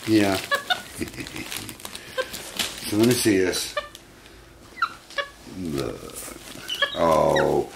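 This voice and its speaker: A man's voice: low-pitched, lively intonation, very slow, creaky, long pauses, noisy background. A man hosting a casual home video, coaxing and doting on his pet monkeys.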